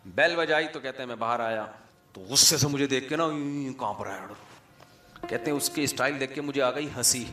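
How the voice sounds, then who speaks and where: Cleric telling jokes in an echoey hall. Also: male voice, medium pitch, pushed and bright. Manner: chatty storytelling with jokes and asides. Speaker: Islamic scholar giving a talk. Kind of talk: humorous sermon to a live audience. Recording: echoey hall, faint music.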